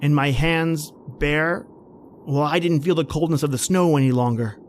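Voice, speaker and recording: A podcast host and actor plays a haunted, panicky man stranded in polar cold, recounting his ordeal in old-time radio horror style with a tense, fearful mood. His voice is on the high side, lightly acted, at a moderate pace, with a little hiss or hum.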